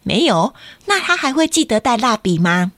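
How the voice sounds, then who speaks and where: A woman's voice: a little high, big pitch swings, normal speed, a bit bright, no room sound. A woman storyteller reading a picture book to young children, guiding them with frequent questions. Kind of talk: interactive picture-book read-aloud for children.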